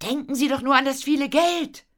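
A woman voicing an eager young girl who speaks quickly. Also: high-pitched, a bit bright, pitched above the performer's own voice.

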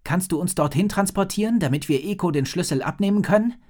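A man's voice: sits high, fast talker, darkish tone, pitched above the performer's own voice. A man reading a storybook and voicing an eager young boy who asks urgent questions.

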